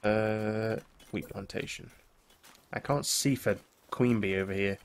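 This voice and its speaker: A gaming video host chats casually during co-op play, his voice stuffy and congested from a cold that has left him run down. His pitch sits on the low side with fairly even intonation, and he speaks slowly in a gravelly tone.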